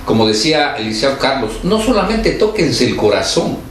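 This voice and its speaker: A man, hosting a talk show in a conversational way, often pausing and searching for words. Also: medium pitch, big pitch swings. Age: 60s. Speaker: host. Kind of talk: radio-style talk show chat. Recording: very echoey room with faint noise.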